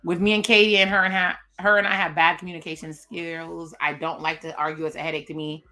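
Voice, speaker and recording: A woman's voice: lowish voice, little pitch movement, fast, pushed and bright. A woman hosting a live reaction stream, casually recapping and commenting on a dating show. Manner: casual, recaps what cast members say, chatty asides. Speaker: reaction video host.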